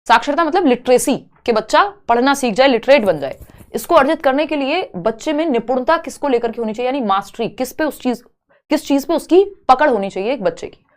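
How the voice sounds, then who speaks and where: A woman's voice: high voice, animated, a little fast. A woman teaching an online exam-prep lesson, explaining each option step by step with rhetorical questions and English terms mixed in. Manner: mixes English terms into Hindi.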